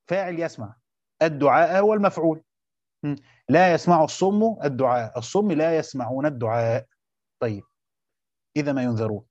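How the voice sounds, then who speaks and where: A man with an Egyptian accent, a little higher-pitched than most, teaches a lesson at a brisk clip. He poses questions aloud, answers them himself, and checks that his listeners follow. The sound is dull and lo-fi, recorded dry. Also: a little mellow, dry recording. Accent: Egyptian Arabic. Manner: checks with listeners whether points are understood. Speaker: teacher of Quran commentary. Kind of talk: classroom lesson explaining a text.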